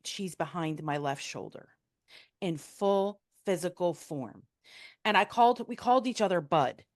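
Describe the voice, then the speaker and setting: A woman in her fifties, a guest telling a personal story in a frank, casual, animated way, acting out the people she quotes. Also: fairly low pitch, measured pace, dry recording, studio quality.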